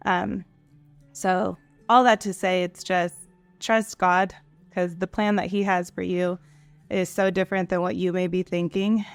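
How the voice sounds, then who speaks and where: A woman's voice: fairly low pitch, no room sound. A woman in her late twenties, an admissions counselor giving upbeat, chatty advice on a panel. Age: 20s.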